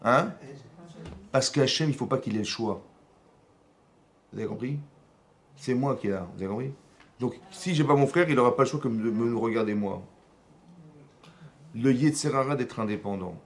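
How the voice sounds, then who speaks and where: Un homme qui donne un cours religieux dans une synagogue, avec un accent français. Il pose des questions au public et joue les dialogues avec animation. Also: male voice, mid-range voice, normal speed, pauses often. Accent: French. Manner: animated, acts out dialogues, asks the audience questions. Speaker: rabbi teaching a class. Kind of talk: lively religious lesson. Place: synagogue class room.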